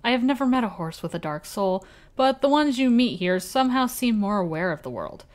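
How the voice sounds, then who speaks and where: A woman voicing a kindly older male village blacksmith in a vague put-on accent, reading game dialogue aloud in a formal, warm way. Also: on the high side, big pitch swings, fairly quick.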